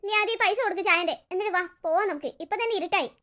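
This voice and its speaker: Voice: very high voice, rapid-fire, pushed and bright. A performer voicing a nervous but sensible young male friend who coaxes and makes dry, sarcastic remarks. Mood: coaxing. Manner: coaxing, worried, dryly sarcastic.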